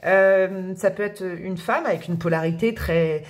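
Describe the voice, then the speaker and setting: A woman's voice: on the low side, unhurried. Woman tarot reader, chatty and rambling, casual delivery to viewers. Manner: chatty, thinking aloud with many fillers and restarts.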